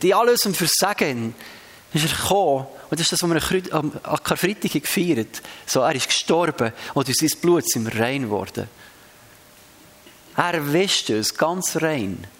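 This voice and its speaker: A man's voice: high voice, fairly bright tone. A man preaching a sermon, reading scripture aloud with shifting emphasis and talking to the congregation in a conversational way.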